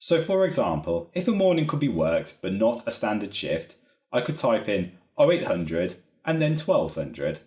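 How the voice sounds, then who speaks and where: In an echoey, roomy recording, a man talks through a software walkthrough step by step at a moderate pace. He's a trainer with a fairly low voice whose methodical explanations carry lively, shifting intonation.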